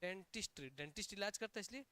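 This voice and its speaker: In a lively lecture, a high-pitched male coaching teacher with a Chhattisgarhi Hindi accent quizzes his class again and again, question after answer. He moves at a quick pace and sounds energetic and emphatic.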